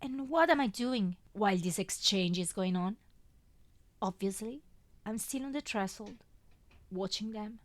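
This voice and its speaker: Slow, lively woman reading a story. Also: medium pitch, dry recording. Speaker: fanfiction reader. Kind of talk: first-person story reading.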